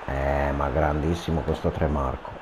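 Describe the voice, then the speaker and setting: A man giving amateur football commentary on a video game match, with casual asides and excited repeats of player names as attacks build. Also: extremely low pitch, moderate pace. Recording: clearly noisy home recording.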